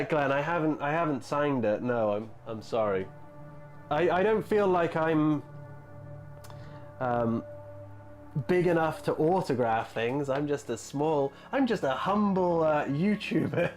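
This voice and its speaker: A man's voice: a little high, darkish tone. A man in his thirties chatting casually on a live stream, rambling with lots of fillers and answering viewers' messages. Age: 30s. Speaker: hobby streamer.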